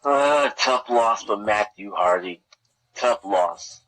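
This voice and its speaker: A man's voice: lowish voice, slow pace, fairly bright tone, poor audio. A man on a casual podcast, reacting with exclamations and laughter. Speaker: podcast co-host. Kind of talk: casual review chat.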